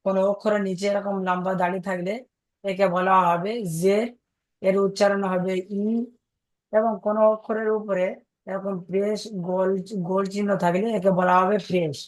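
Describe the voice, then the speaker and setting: A man's voice: sits high, little pitch movement, moderate pace, no echo. Patient male teacher drilling pronunciation. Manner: patient, repeats each point and quizzes students. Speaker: Quran reading teacher. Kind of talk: online Arabic reading lesson.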